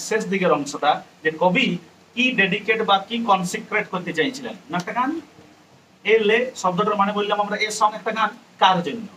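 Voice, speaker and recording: High, bright-voiced teacher, distant mic. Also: male voice. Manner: repetitive, spells words out letter by letter, addresses students directly. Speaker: English teacher. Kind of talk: classroom lecture explaining a poem. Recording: distant mic with faint ambient noise.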